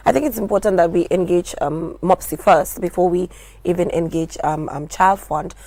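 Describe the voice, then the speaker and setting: A woman's voice: fairly low pitch, normal speed, mellow, no room sound. A woman presenting a morning television show in a conversational interviewing style.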